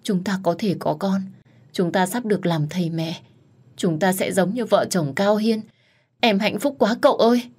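An adoring young wife speaks warmly and emotionally, played by a woman reading a storybook. Her voice sits a little above the narration but stays fairly low. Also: normal speed, breathy edge. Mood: affectionate. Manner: emotional, affectionate.

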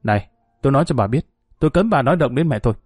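A man's voice: mid-range voice, lively intonation, rapid-fire, a little mellow, husky, no echo, studio quality, faint music behind. A man voicing a restrained young man who pleads and holds back his anger. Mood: pleading. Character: young man, patient but pushed too far.

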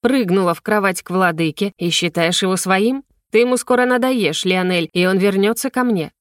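A woman's voice: mid-range voice, moderate pace, no room sound, studio quality, lightly acted. A woman voicing an arrogant, scheming female former favorite of a ruler in an audiobook, sneering and haughty. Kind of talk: audiobook character voice.

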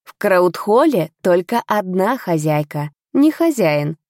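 A woman reading an audiobook, voicing a calm, commanding male estate manager. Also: lowish voice, no room sound, clean studio sound. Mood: stern. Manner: commanding, measured.

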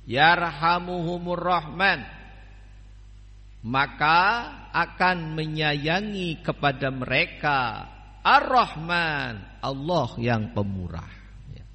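Male religious teacher, slightly high voice, long hall reverb. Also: gravelly, pushed and bright. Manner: unhurried, addresses students directly with homely examples. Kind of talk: religious study lecture.

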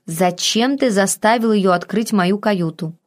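A woman's voice: mid-range voice, measured pace, natural voice. A woman as irritable young heroine, sarcastic, snappy retorts.

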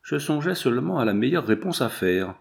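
A man's voice: mid-range voice, sing-song, a little fast, vocal fry. A man reading aloud, voicing a cold and evasive young man who feigns surprise in guarded replies.

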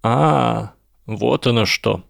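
Man doing a snooty rich-kid wizard, drawls and sneers, a bit gravelly. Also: mid-range voice, extremely slow, dry recording, clean studio sound, full character voice. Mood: sneering. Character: haughty aristocratic schoolboy wizard.

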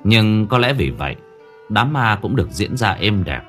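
A man reading a story aloud as an audiobook narrator, in an expressive, dramatic style. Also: lowish voice, moderate pace. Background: faint music.

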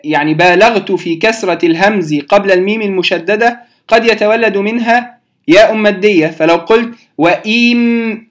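A man explaining recitation rules to beginners, patient and direct with his listeners, repeating key terms slowly. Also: high voice. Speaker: Quran recitation teacher.

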